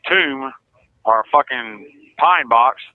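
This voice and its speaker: A man's voice: medium pitch, animated, no room sound. Man on a tinny prison phone line. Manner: bitter, profane, slow and emphatic. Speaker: inmate calling the show.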